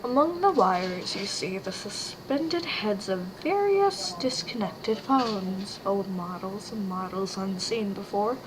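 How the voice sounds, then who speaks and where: A woman telling a spooky second-person story in a hushed, often half-whispered delivery. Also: medium pitch, slow, hardly any pauses, noisy background.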